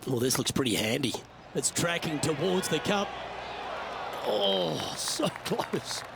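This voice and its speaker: A man calling golf shots as a play-by-play commentator in a calm, measured manner. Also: a little high, gravelly, noisy background. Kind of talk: prerecorded video game sports commentary.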